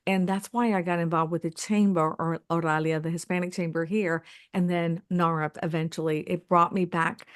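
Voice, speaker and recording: A woman's voice: on the low side, steady tone, moderate pace, few pauses, clean tone, dry recording, studio quality. A middle-aged woman hosting an interview, asking guests effusive personal questions. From Mississippi, United States. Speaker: host. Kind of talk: interview conversation.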